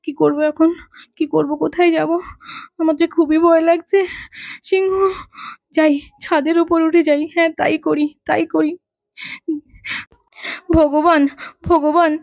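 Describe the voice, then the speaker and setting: A caring young mother, voiced by a woman in a children's doll story, who frets and talks to herself as she goes. Her voice sits high and bright. The recording is dull, lo-fi and dry. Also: level tone, normal speed, gravelly, long pauses, no room sound. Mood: panicked.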